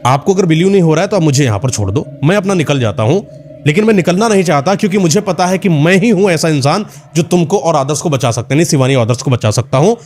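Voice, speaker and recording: A man's voice: a little high, lively intonation, fast, darkish tone, slight background noise, pitched above the performer's own voice, close to an everyday voice. A man voicing an urgent young man who pleads with his friends to trust him and run, in a horror story.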